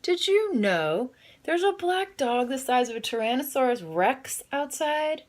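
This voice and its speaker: A woman's voice: high voice, sing-song, unhurried, pitched above the performer's own voice. A woman voicing a frightened, exclaiming young girl in a children's storybook. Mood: alarmed.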